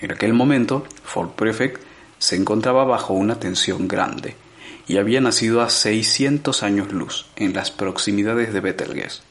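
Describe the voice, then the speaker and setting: Here a man with a lowish voice reads scripted audiobook narration. His storytelling is measured and expressive.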